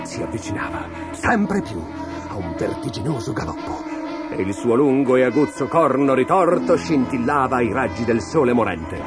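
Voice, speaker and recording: A dramatic male fairy-tale narrator. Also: medium pitch. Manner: dramatic, expressive storytelling. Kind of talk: storybook narration. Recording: music in the background.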